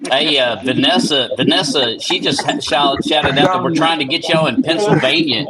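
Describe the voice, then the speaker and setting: A man's voice: on the high side, moderate pace, poor audio. A middle-aged man, joking and swearing freely in a casual group chat. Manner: profane, joking. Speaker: band member on a live stream. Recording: group room with loud background chatter.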